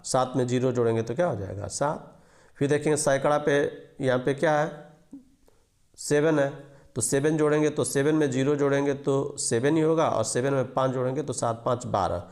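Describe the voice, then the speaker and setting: Speaking in a somewhat high, slightly mellow voice, a man teaches a basic arithmetic lesson step by step. He patiently restates each rule, goes over every digit, and poses questions before giving the answers.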